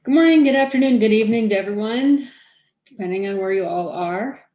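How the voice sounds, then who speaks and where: A woman giving a conference keynote on technology, talking quickly with frequent fillers and restarts. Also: medium pitch, reverberant, highs cut off. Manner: fast-talking, self-aware about speed. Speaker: keynote speaker, storage architect.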